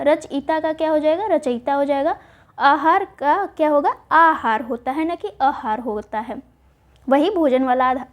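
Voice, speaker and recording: A woman teaching Hindi spelling for exam prep, spelling words out slowly and answering her own questions. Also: high voice, a little mellow. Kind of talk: online exam-prep lesson.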